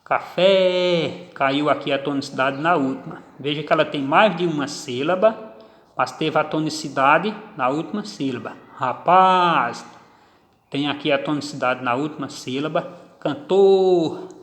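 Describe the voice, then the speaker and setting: A man teaching a grammar lesson, stressing each example word slowly and deliberately. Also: a little high, fairly bright tone. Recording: echoey room with long reverb.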